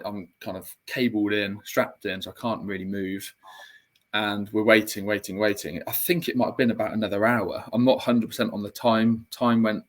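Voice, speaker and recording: Low-voiced young man recounting candidly. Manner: reflective and candid, with frequent fillers and restarts. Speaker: interview guest. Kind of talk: personal storytelling in an interview.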